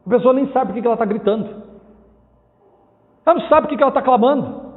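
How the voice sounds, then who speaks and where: A man's voice: very high-pitched, animated, quick pace. A man preaching an expository sermon as pastor, emphatic, asking rhetorical questions and repeating key phrases. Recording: tinny phone-like sound with long hall reverb.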